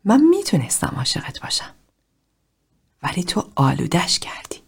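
A woman reading a tender, yearning woman in a therapy group, speaking softly in a half-whisper. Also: fairly low pitch, sing-song, husky.

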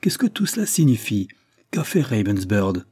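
A man's voice: lowish voice, big pitch swings, moderate pace, darkish tone, slightly rough, no room sound. A man reading an audiobook, voicing an alarmed older noblewoman who asks anxious, pleading questions.

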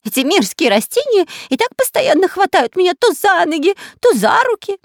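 A woman voicing a cowardly male spy and robber who whines and complains in a high, shrill voice. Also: sing-song, moderate pace, darkish tone, no echo, studio quality. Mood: whining.

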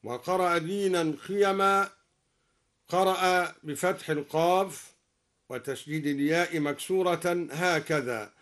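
A man with an Egyptian accent explaining recitation variants in a slow, deliberate way, chanting each example melodically. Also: a little high, fairly bright tone. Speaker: Quran recitation scholar. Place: radio studio.

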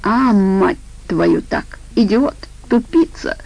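Domineering woman boss, curt, harsh, commanding, gravelly, a woman voicing her in an audiobook. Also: mid-range voice, animated, slow, darkish tone, exaggerated voice, low-quality recording. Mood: angry. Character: domineering rude middle-aged woman boss.

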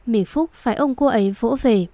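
A woman reading a story aloud in an even storytelling manner. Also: fairly high pitch, normal speed, dry recording. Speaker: narrator.

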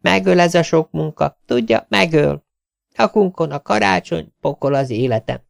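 A man's voice: a little high, vocal fry, no room sound, studio quality, voice pushed up. A man doing a rambling, grumbling village tailor. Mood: complaining, chatty. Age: 40s. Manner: rambling, complaining, theatrical. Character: chatty, self-pitying middle-aged male village tailor.

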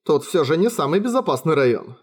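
A man's voice: a little high, very animated, a little fast, darkish tone, breathy edge. Man reading a cautious young adventurer. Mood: worried.

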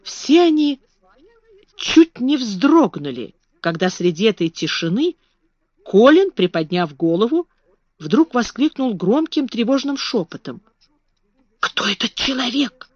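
Expressive woman reading a storybook. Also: fairly high pitch, unhurried, no room sound, lo-fi sound. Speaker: audiobook reader. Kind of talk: storybook narration.

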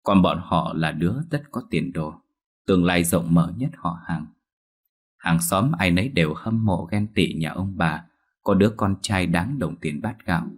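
Deep husky male ghost-story narrator. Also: normal speed.

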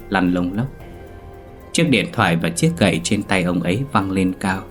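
A man narrating a scripted horror story in a steady, dramatic way. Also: low voice.

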